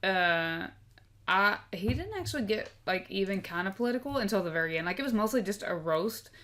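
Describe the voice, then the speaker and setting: A woman's voice: mid-range voice, animated, fairly quick, a bit bright. A woman in her thirties chatting casually as co-host of a reaction show. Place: small room indoors. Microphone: desk microphone.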